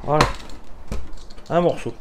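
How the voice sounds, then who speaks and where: A man's voice: takes it slowly, very noisy. A middle-aged man casually talking through a woodworking project step by step on a covered porch, wearing a clip-on mic. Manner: relaxed, step-by-step explaining. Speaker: vlogger doing woodwork. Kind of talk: casual narration while working. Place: covered porch of a mobile home, outdoors.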